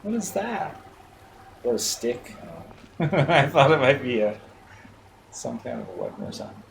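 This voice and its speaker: A man's voice: medium pitch, wildly swooping pitch, normal speed, creaky. A man streaming a video game live, muttering and swearing casually at it as he plays. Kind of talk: casual gameplay commentary. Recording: noisy livestream audio.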